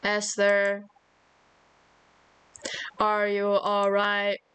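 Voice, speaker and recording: A woman voicing a hesitant, caring young woman in a visual novel, in a flat, slow, robotic delivery. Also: mid-range voice, clear, resonant tone.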